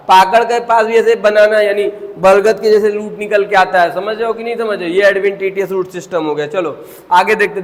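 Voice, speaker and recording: A young man teaching a biology lecture, chatty and joking, calling his students "beta". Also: high voice. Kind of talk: classroom lecture. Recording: reverberant classroom.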